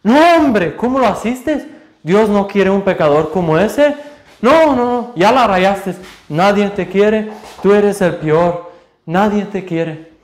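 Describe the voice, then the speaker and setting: Man putting on shrill taunting Satan. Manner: loud, high, rapid taunting. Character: shrill accusing male Satan, taunting and harsh. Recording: roomy echo.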